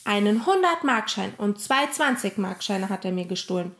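A woman reading a storybook voices an angry boy who shouts and pleads, close to tears. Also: medium pitch, animated, normal speed. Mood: indignant.

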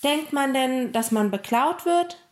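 A woman reading a storybook voices an angry boy who shouts and pleads, close to tears. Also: sits high, animated, measured pace, voice pushed up. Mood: excited.

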